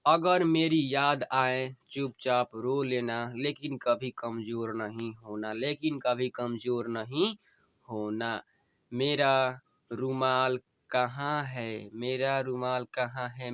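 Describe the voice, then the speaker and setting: A man's voice: mid-range voice, fairly even intonation, slow pace, fairly bright tone, clean tone, no room sound. Man reading as a dying wife, tender pleas. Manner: tender, repeats each plea twice. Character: dying wife pleading with her husband. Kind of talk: emotional story reading.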